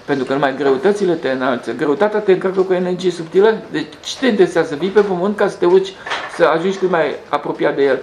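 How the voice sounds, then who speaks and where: A man's voice: fairly high pitch, darkish tone. A man hosting a rambling spiritual monologue, talking conversationally with frequent restarts and hesitations. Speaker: host. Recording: echoey room with faint background noise.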